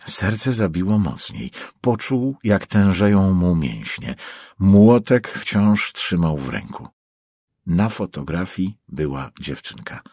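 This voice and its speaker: A man narrating an audiobook with tense, measured storytelling. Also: deep voice, a little mellow, slightly rough, no room sound, studio quality.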